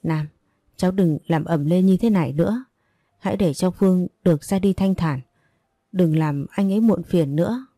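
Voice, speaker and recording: A woman's voice: on the low side, moderate pace, mellow, no room sound, clean studio sound. A woman voicing a stern scolding woman. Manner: firm, scolding, lecturing.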